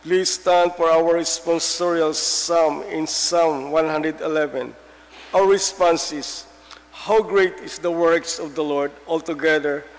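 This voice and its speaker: A man's voice: a little high, steady tone, unhurried. A man reading scripture and a responsorial psalm as lector in a church. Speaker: lector at Mass. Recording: long church reverb.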